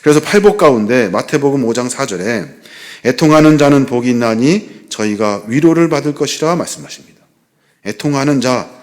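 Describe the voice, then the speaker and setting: A man in his forties, a pastor, giving an earnest sermon that rises to fervent pleading. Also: mid-range voice. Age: 40s. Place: church hall.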